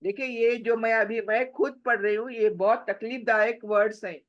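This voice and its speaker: A woman teaching tajweed, repeating each word slowly and mixing English words into her Hindi. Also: fairly high pitch, steady tone, dull audio. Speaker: Quran recitation teacher. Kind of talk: slow tajweed pronunciation lesson.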